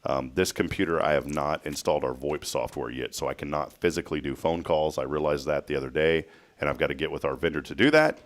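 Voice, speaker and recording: A man hosts a small-studio morning show, talking into a headset mic. His voice sits very low, and he keeps things joking as he reads out quirky news and quizzes his co-hosts. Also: fairly even intonation, fast. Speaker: host. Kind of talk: casual morning show chat.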